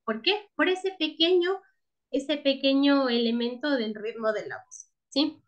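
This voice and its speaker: A woman's voice: high-pitched, a little slow. Woman teacher lecturing, tag questions. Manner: checks in with frequent tag questions; restarts words and repeats herself. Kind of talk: class lecture.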